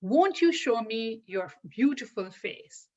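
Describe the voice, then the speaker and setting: Thief chief in a folktale, sly and smooth-talking, read by a woman, slightly high, dull lo-fi sound. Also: slow. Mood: coaxing. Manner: coaxing, flattering. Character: scheming male leader of a band of thieves. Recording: dull lo-fi recording.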